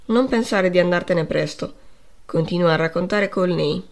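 A woman's voice: fairly low pitch, moderate pace, close to an everyday voice. A woman reading the part of a severe male schoolteacher questioning his pupils, in a stern tone.

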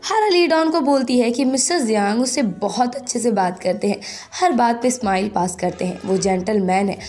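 A woman's voice: on the high side, moderate pace, darkish tone. A woman narrating a drama recap in a plain storytelling way, dropping English words in as she goes. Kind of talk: scripted plot recap narration.

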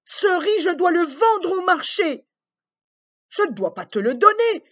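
A woman voicing a frightened but stubborn little girl who protests quickly, on a dull lo-fi recording. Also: very high voice, very animated, fairly bright tone, voice pushed up, exaggerated voice. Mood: protesting.

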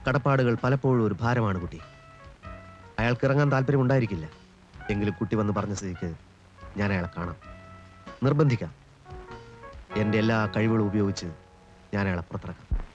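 An actor playing a boastful young male lawyer who speaks in a measured, self-satisfied way. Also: lowish voice, a little mellow, muffled recording, soft background music, natural voice. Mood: smug. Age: young adult. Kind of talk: 1980s film drama.

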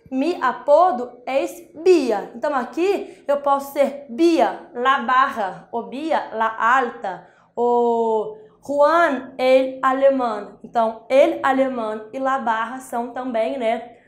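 High-voiced Brazilian woman teaching Spanish. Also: echoey room. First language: Portuguese. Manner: explains with questions and answers to herself, frequent "né". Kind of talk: online exam-prep lesson.

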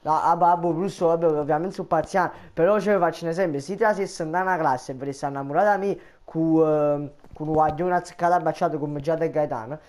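Young neapolitan guy doing a comedy sketch, fast teasing back-and-forth. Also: fairly high pitch, steady tone, darkish tone. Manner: rapid banter, teasing and swearing.

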